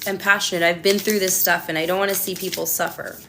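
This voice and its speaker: A passionate young woman reads tarot for her viewers, ranting and chatting freely as she goes. Her voice is bright and sharp. A faint noise sits behind it. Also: fairly low pitch, little pitch movement, quick pace. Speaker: tarot reader. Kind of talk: casual tarot reading answering live chat.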